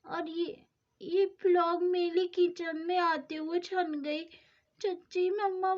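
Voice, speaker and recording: A woman playing a high-pitched lisping little girl, pleading, kind of muffled recording. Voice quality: childlike lisp. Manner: whiny, pleading. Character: little girl Sona, timid, pleading, easily scolded. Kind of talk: storybook doll-play acting. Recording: dull lo-fi sound.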